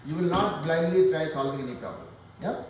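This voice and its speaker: A male math teacher in a classroom, cracking jokes and urging his students to trust themselves. His voice sits fairly high for a man. It echoes heavily, picked up from a distance. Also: brisk, a little hiss or hum. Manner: joking, motivational, addresses class directly. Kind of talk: classroom lesson.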